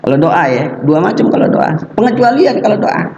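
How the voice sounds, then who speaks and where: A man's voice: high voice, very animated, brisk, heavy background noise. A man teaching Quran recitation in a mosque, speaking emphatically and stretching out the example sounds. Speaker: religious teacher. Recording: echoey, dull lo-fi mosque recording.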